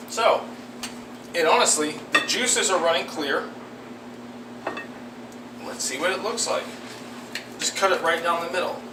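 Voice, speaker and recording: In his small home kitchen, an American amateur cooking vlogger chats casually through his cooking to camera, laid-back and candid, with some swearing. His fairly high voice comes across roomy and distant from the camera mic a step or two off, under a noisy hum.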